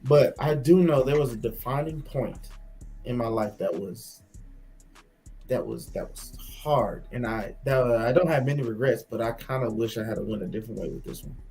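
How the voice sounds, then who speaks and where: A man's voice: medium pitch, normal speed, vocal fry, darkish tone, soft background music. A man chatting casually and reflectively with friends as a co-host, candid and swearing freely, repeating phrases for emphasis. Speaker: co-host of a casual talk show.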